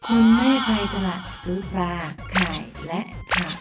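A woman's voice: on the low side, measured pace, loud music behind the voice. A young woman reading quiz questions aloud and puzzling over them in casual chat. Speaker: vlogger, co-host.

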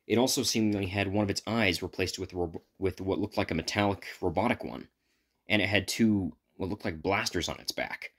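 A man's voice: sits low, brisk, a bit bright. A man improvising a fan story, rambling with frequent stops and restarts as he retells it. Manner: rambling, stop-and-start retelling.

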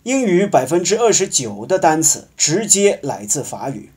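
A man leads a language lesson, patiently spelling out endings and stretching each example word. His voice is slightly husky and sits a little high, and it rises and falls a lot as he talks. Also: big pitch swings, a little mellow. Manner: slow, patient explaining with drawn-out example words. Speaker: French teacher.

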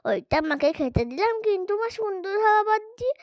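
A woman voicing an excited little child in a cartoon dub, telling a story in a breathless rush. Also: very high voice, fast, no room sound, studio quality. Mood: eager. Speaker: voice actor.

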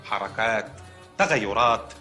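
An actor playing a calm, matter-of-fact hospital doctor in a TV comedy sketch, speaking with an Egyptian Arabic accent. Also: male voice, on the low side, a little slow, faint music behind. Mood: deadpan.

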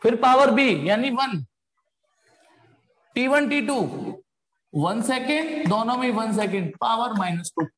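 A man's voice: extremely high pitch, expressive, takes it slowly, long pauses, a bit bright. A man teaching a live online physics class in speech, chatty, calling students "beta" and throwing in slangy asides. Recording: echoey room with long reverb.

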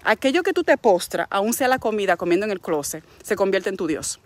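A woman's voice: medium pitch, animated, a little fast. A middle-aged Dominican woman speaking with a Dominican Spanish accent, a wellness coach giving a frank, preachy, faith-based motivational talk. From Dominican Republic.

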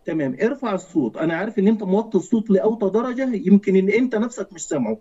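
A man argues over a call line, indignant and defensive. His voice is husky and mellow. The audio is dull and lo-fi. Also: high voice, rapid-fire. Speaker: caller. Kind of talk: heated debate.

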